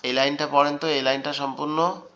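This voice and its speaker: A man teaching an online Quran class, drawing out Arabic words slowly and quizzing his students. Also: a little high, flat delivery, pushed and bright, muffled recording. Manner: slow, drawn-out pronunciation of Arabic words, asks students questions. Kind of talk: online Quran recitation lesson. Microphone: video call.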